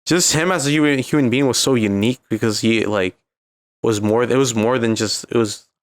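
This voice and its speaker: A clear, resonant mid-range voice belongs to a young Californian man talking a little fast. As co-host of a casual podcast, he rambles through a video retelling full of fillers and repeated "like."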